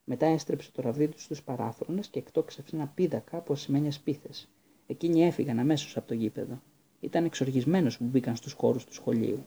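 A man reading an audiobook, voicing a clever teenage girl who speaks in a trembling, urgent voice, still gravelly underneath. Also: mid-range voice, dark tone. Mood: shaken. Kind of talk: audiobook character voice.

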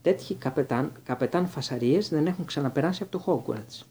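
A man's voice: on the high side, pitched above the performer's own voice, lightly acted. A man doing a stern, clipped female professor. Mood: indignant. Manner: clipped, sharp.

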